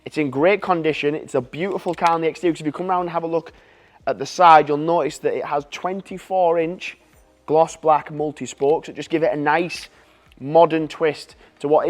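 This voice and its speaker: Man, car salesman, quick delivery, enthusiastic chatty patter. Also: fairly high pitch. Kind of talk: car walkaround sales pitch.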